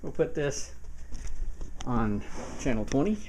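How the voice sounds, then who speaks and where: A man with a medium-pitched, very animated voice speaks slowly as he gives an informal hands-on tutorial at his home bench indoors. He's a radio hobbyist demonstrating CB radio gear, and the recording carries noticeable background hiss and radio static.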